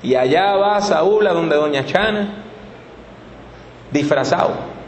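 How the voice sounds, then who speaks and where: Brief: storytelling man preaching, lively and folksy, long church-hall reverb with faint room noise. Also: a little high, takes it slowly. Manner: animated, folksy, rhetorical questions. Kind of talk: storytelling sermon.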